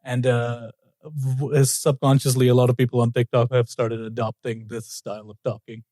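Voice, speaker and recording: A man co-hosting a podcast in a relaxed, chatty way, laughing often. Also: medium pitch, moderate pace, no echo. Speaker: podcast co-host. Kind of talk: casual podcast chat.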